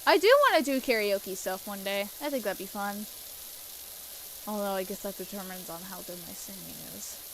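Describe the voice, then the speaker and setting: A woman's voice: mid-range voice, moderate pace, background noise. A young woman streamer with a stuffy nose, chatting casually while she plays, rambling with lots of fillers and casual swearing. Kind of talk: casual chat while gaming.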